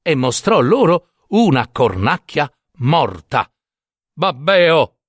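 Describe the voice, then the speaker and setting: A man narrating a fairy tale aloud in an expressive storytelling manner. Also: mid-range voice, unhurried, no room sound, clean studio sound.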